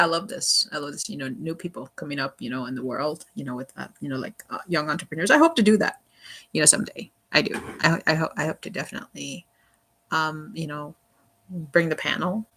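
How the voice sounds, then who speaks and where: Speaking at a middling pitch in a sharp, creaky voice, this livestream host chats casually and drifts between topics. The delivery is earnest but halting, full of restarts, repeated phrases, and frequent "you know"s.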